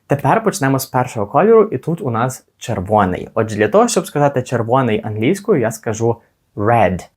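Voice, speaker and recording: A man teaching children simple English words slowly, encouraging them and pausing so they can repeat. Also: mid-range voice, slightly rough. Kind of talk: slow, clear language lesson for kids.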